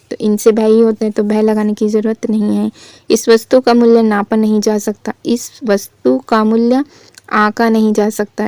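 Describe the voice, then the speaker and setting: A woman runs an exam-prep grammar lesson. Her voice sits fairly high and stays level, with little rise or fall. The sound is clear, smooth and dry, and she asks her own questions and answers them. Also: no room sound. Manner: steady teacherly delivery, asking and answering her own questions. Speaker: Hindi grammar teacher. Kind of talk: exam-prep lesson, reading and correcting sentences.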